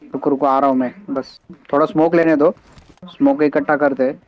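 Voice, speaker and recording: एक आदमी, गेम में टीम का साथी, वॉइस चैट पर सीधे-सादे छोटे जवाब देता है।. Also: male voice, on the high side, fairly even intonation, normal speed. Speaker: teammate on voice chat. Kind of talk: casual gaming chat. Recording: dull lo-fi voice chat.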